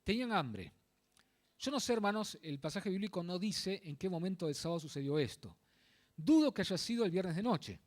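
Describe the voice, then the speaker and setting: A man's voice: high-pitched, lively intonation, fairly quick, a little mellow. A man preaching a sermon in a church, explaining a Bible passage, stressing key words and making asides to the congregation.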